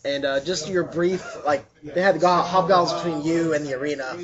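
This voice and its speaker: A man working as game master, improvising narration for a tabletop game in a casual, halting way as he searches for words. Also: a little high, fairly even intonation. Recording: dull lo-fi sound, chatter behind.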